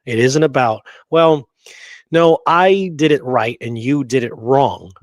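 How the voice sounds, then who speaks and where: Speaking slowly in a medium-pitched voice, this male co-host keeps a casual podcast discussion emphatic, frequently checking in with short rhetorical questions like "right?" or "okay?". No room sound comes through.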